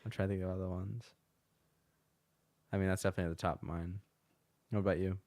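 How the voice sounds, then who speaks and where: A man's voice: low voice, flat delivery, fast talker, darkish tone, no room sound. A young man from North Carolina, guesting on a casual podcast, joking bluntly and laughing. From Asheville, North Carolina. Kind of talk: casual chat.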